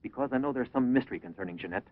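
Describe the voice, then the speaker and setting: A man's voice: medium pitch, expressive, racing, no room sound, natural voice. A man playing an earnest, lovesick young man. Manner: earnest and apologetic. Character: earnest young man searching for his lost love. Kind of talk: 1960s English film dub. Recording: thin, phone-like old film soundtrack.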